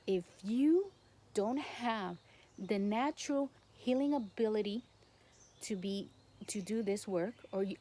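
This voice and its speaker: A woman with a Spanish accent gives guided spiritual instruction to the camera as a Reiki teacher, speaking non-native English in short, halting phrases. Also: medium pitch, mellow. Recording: noticeable background noise.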